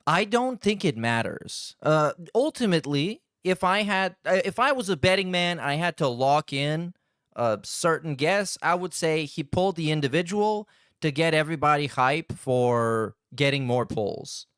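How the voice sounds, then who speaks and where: A man hosts with casual, sardonic commentary full of crude slang. His voice is slightly high and very clear. It is recorded dry, with almost no room around it. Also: expressive, normal speed, fairly bright tone, dry recording. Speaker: podcast host and commentator.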